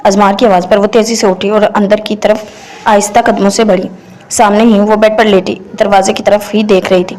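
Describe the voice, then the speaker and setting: Woman narrator, novel read-aloud, monotone, steady pace. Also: mid-range voice. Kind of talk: novel reading.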